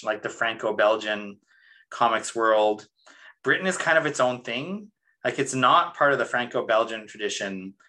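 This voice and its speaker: A man's voice: medium pitch, sharp tone, poor audio. A man co-hosting a casual book-club podcast, explaining at length and using lots of "like". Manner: talkative, explanatory, heavy on "like". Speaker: podcast co-host.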